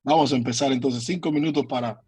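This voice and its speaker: A man's voice: medium pitch, fast talker, a little mellow, faint music behind. A man, a pastor giving an earnest online teaching talk, hesitating often with fillers, on a computer mic during a video call. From Cuba.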